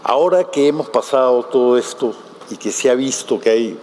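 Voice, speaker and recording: A man moderating a conference panel, putting questions to the panelists with frequent pauses and fillers. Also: mid-range voice, animated, a little mellow, a little hiss or hum. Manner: halting, many filler sounds.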